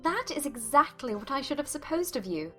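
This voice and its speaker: A woman's voice: high voice, big pitch swings, brisk, pushed and bright, soft background music, pitched above the performer's own voice, heavily acted. A woman voicing a witty, self-assured young lady in a dramatized audiobook, teasing and articulate. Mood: playful. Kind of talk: dramatized audiobook character reading.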